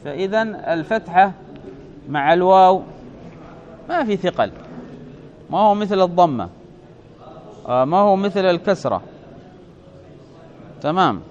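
Guy teaching grammar in class, bit high voice, keeps checking students get it, muffled lo-fi recording. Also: lively intonation, darkish tone. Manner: explains step by step, often checks with students; slows and stretches example words.

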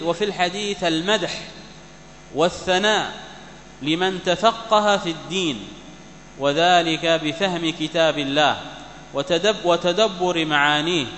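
A man gives a religious lesson in a large hall, with a bright, forceful voice that rings out with a long echo. He reads a text and explains it, repeating key words to drive them home, over a faint hum. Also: a little high. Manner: repeats key words for emphasis, recites quoted texts. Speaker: Islamic teacher explaining a hadith text.

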